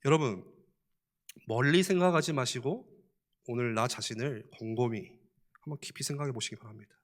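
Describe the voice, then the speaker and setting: A man's voice: medium pitch, normal speed. A male pastor preaching a sermon in a church, in a conversational style, asking the listeners many questions and chuckling often.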